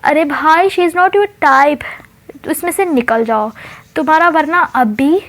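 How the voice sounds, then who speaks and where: A quick, sharp-tongued young woman who needles and scolds her lovesick friend, voiced by a woman telling the story. Her voice is high-pitched and lively in its retorts. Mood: teasing.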